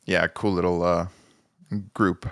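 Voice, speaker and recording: A man's voice: deep voice, flat delivery, slow, smooth, dry recording, clean studio sound. A man co-hosting a music podcast in casual chat, joking and self-mocking, rambling with restarts. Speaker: podcast co-host.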